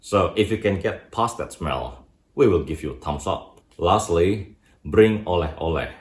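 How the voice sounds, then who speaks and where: A man's voice: low voice, lively intonation, a little slow. A man from Indonesia with an Indonesian accent, hosting a scripted advice video and speaking directly to viewers. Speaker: YouTube host. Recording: roomy indoor echo.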